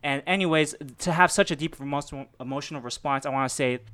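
Animated rambling young man debating. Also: a little high, fast, clear, resonant tone. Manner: rambling, swears freely, acts out reactions in quoted voices. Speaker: debater arguing the pro side. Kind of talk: animated casual debate talk.

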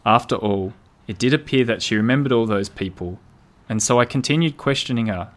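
A man narrating an audiobook in a measured, storytelling manner. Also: medium pitch. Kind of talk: scripted narration. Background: faint piano music.

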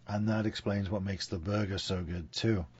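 A man's voice: low-pitched, fairly even intonation, normal speed, husky, no room sound, lo-fi sound. A man hosting a podcast, chatty and enthusiastic about food and beer. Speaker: podcast host. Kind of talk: casual chat.

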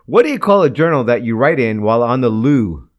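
Animated Brooklyn man, jokey chatter. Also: medium pitch, fairly quick, muffled recording. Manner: jokey, stammers and repeats words. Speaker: podcast co-host. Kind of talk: casual chat.

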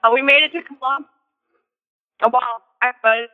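A woman's voice: sits high, normal speed. Woman caller on a breaking-up phone line. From Indiana. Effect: phone line breaking up and cutting out.

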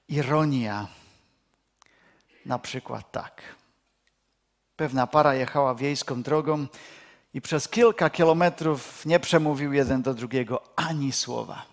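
Slow, measured male preacher. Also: a little high. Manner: slow, measured delivery with pauses. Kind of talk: sermon.

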